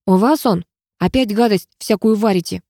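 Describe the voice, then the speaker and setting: A woman's voice: medium pitch, moderate pace, warm tone, dry recording, studio quality, lightly acted. A woman voicing an irritated, suspicious male caretaker who speaks sarcastically and bossily. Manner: sarcastic, barely hiding irritation.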